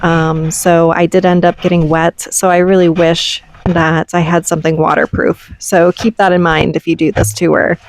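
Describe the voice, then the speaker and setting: A woman's voice: fairly low pitch, flat delivery, moderate pace, hardly any pauses, dry recording. A woman vlogger giving a casual, conversational voice-over recap, explaining things as she goes.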